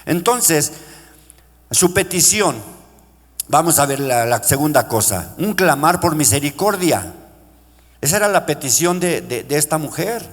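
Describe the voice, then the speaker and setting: Male pastor, middle-aged, passionate sermon, fairly high voice, reverberant church hall. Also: expressive, measured pace, pauses often. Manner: impassioned preaching, pitch rising into shouted quotes; addresses congregation as brothers. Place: church sanctuary.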